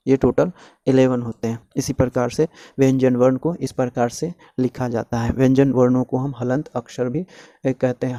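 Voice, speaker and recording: A man teaching a lesson, slowly spelling out sounds one by one and repeating himself as he explains. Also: mid-range voice, dark tone, no room sound, highs cut off.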